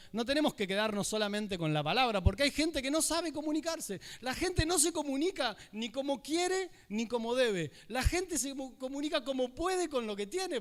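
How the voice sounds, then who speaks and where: A man with an Argentine accent giving an animated, humorous conference talk, acting out quoted dialogue. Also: high voice. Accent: Argentine Spanish. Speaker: conference speaker. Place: large university lecture hall. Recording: reverberant hall sound.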